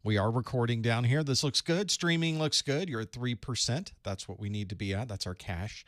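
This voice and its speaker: A man's voice: medium pitch, moderate pace, a bit bright, no echo, studio quality. A man hosting a live study-group stream, chatting casually and greeting viewers while he sets up his gear.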